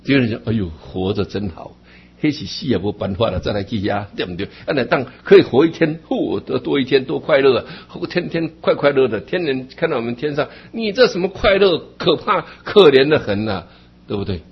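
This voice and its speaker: Very husky, lively Buddhist preacher man. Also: mid-range voice, highs cut off. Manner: keeps asking the audience "right?" and ends phrases with drawn-out particles. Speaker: Buddhist teacher. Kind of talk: Buddhist dharma talk.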